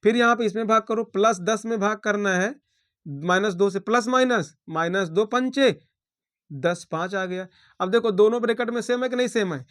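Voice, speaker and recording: High-voiced man teaching maths step by step. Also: normal speed, fairly bright tone. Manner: talks through each step aloud, checking in with students. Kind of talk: blackboard maths lesson.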